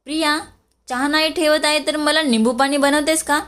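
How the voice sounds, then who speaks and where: A gentle, caring young husband in an audio story, played by a woman narrator. He speaks softly, in a slightly high voice. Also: fairly even intonation, moderate pace.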